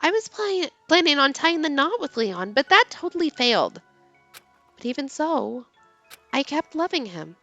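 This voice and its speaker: A woman reading game text aloud with expressive narration and casual commentary, as a let's player. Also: high-pitched, moderate pace, no echo, dull audio, faint music behind.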